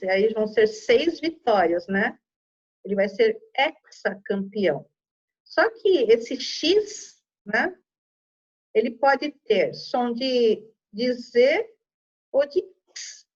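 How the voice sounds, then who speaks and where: A woman's voice: on the high side, lo-fi sound. A woman teacher with a Brazilian Portuguese accent giving a patient, step-by-step math lesson to children, checking in after each point.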